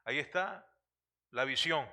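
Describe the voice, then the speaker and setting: A pastor preaching a sermon to his congregation, asking them questions and filling pauses with hesitant sounds. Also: medium pitch. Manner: animated preaching with many fillers and questions to the congregation. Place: church.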